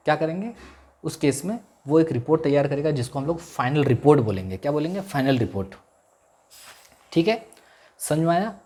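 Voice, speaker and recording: A male law lecturer, teaching in a classroom style. He keeps asking his listeners to repeat the key terms and stretches out English legal phrases slowly. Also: a little high, mellow. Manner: repeats key terms as call-and-response questions.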